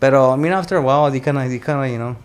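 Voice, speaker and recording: A man's voice: medium pitch, rapid-fire, smooth. A man in his forties, a military veteran and father, telling rambling stories on a podcast with many restarts. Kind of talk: casual storytelling chat.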